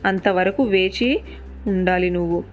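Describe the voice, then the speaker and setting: A woman's voice: on the low side, unhurried, muffled recording, faint music behind, close to an everyday voice. A woman narrator voicing a mighty, devoted male monkey hero, speaking in an earnest, reassuring way.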